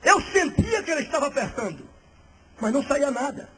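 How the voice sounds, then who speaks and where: A man preaching a sermon in a fervent, theatrical manner, often shouting. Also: extremely high pitch, sing-song, a little fast, slight background noise, low-quality recording. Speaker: missionary preacher. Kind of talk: sermon with a personal story.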